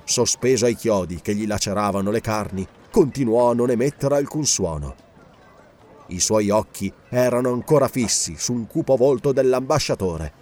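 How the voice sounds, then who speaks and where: A man narrating a dark adventure story as an audiobook, grave and expressive. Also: lowish voice.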